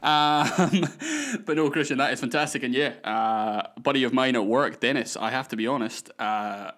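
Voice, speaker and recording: Scottish man, podcast host, middle pitch, chatty, self-mocking, laughing often. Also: moderate pace, a bit bright. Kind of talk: casual chat.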